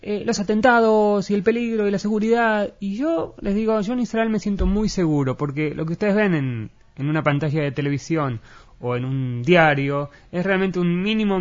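Hesitant Argentine man, muffled audio. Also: a little high. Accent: Argentine Spanish. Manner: hesitant, many fillers and restarts. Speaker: interviewee. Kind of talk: analytical interview talk. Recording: muffled lo-fi recording.

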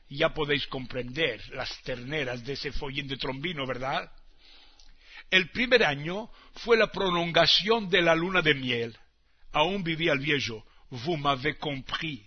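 A man's voice: fairly high pitch, slightly rough, dull audio. Playful man on old radio. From Tangier, Morocco. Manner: playful, teasing, mixes in other languages. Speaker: comic storyteller. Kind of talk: comic monologue to an audience.

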